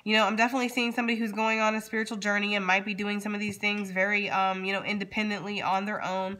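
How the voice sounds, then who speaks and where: Bright-voiced woman reading tarot casually. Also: medium pitch, little pitch movement, fast talker, low-quality recording. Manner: informal, addresses viewers directly, frequently checks in with "okay?". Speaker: tarot reader and channel host. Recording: background noise with card shuffling and clicks.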